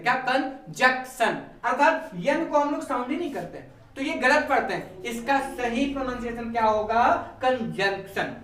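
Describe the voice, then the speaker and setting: A male teacher giving a grammar lesson, asking questions and answering them himself, repeating key terms slowly. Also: extremely high pitch, a bit bright. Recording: echoey room, mic far off.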